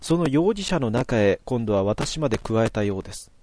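A man voicing a reserved woman innkeeper who speaks in a formal, hushed, deferential way in a game. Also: mid-range voice, sing-song, normal speed.

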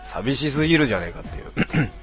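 A man in his twenties, a bit tipsy, chatting casually on a live stream as he reads out viewer comments in rough, slangy, self-mocking banter. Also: medium pitch, expressive, racing, fairly bright tone, faint music behind. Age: 20s.

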